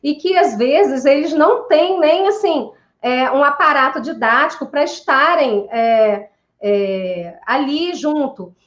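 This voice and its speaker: A woman in casual conversation who explains her ideas thoughtfully and often pauses to hesitate. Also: high voice. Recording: echoey muffled room sound.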